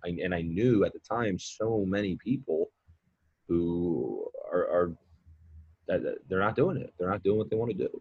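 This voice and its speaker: A mindset coach in his late twenties chats as a guest on a casual podcast, rambling with plenty of fillers and repeated words. He has a deep, husky voice with lively intonation and a moderate pace, and the sound is lo-fi.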